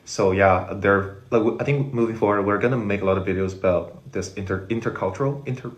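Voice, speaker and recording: A man talks casually to camera. His voice sits a little low, and he speaks in a hesitant, friendly way, restarting phrases as he goes. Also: fairly quick. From China. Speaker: co-creator of a couple's channel.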